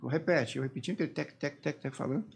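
A middle-aged man from Brazil, a podcast guest, telling his story haltingly and quoting the people who questioned him. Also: fairly high pitch, gravelly, husky. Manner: halting retelling, quoting his interrogators and himself. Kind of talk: personal testimony in a podcast interview.

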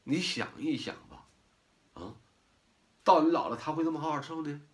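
A man giving animated casual commentary on raising children, mimicking kids and parents in high squeaky voices. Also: a little fast. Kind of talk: casual spoken commentary to camera.

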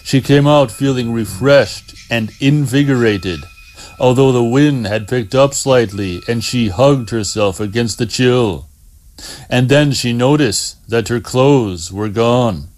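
A man reading an audiobook aloud at a slow, unhurried pace. His voice sits at an ordinary middle pitch, and he keeps a measured, even delivery throughout. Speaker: audiobook narrator. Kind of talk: audiobook narration.

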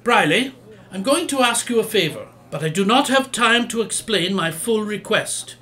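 An actor playing an earnest, courteous Victorian gentleman doctor in a formal period audio drama. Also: high voice, expressive, moderate pace. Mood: urgent.

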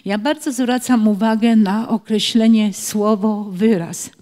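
A middle-aged woman who writes for early education explains speech games to preschool teachers in an online conference, now and then reading short children's rhymes slowly and rhythmically. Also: mid-range voice, fairly even intonation, dark tone. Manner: explanatory, reads children's rhymes aloud with slow rhythmic emphasis. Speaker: author and early-years educator. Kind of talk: webinar talk for preschool teachers. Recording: long hall reverb.

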